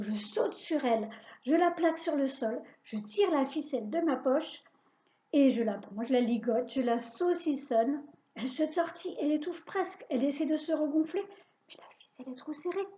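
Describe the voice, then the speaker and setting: Expressive woman reading a children's tale. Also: sits high. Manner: lively, expressive first-person telling. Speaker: storyteller. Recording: dull lo-fi recording.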